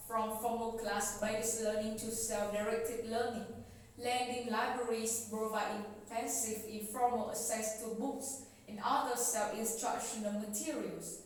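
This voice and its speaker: A woman reading an educational lesson text aloud with steady, careful delivery. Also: a little high. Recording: echoey hall, voice far from the mic.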